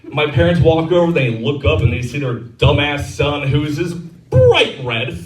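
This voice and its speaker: A brash man in his thirties working a stand-up crowd, with a crude, self-mocking delivery and a fairly high voice for a man. He is heard a little off the mic, and the club room rings around him. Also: big pitch swings, normal speed. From Texas. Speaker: stand-up comedian. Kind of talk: stand-up comedy set. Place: comedy club stage. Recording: roomy club sound from a distance.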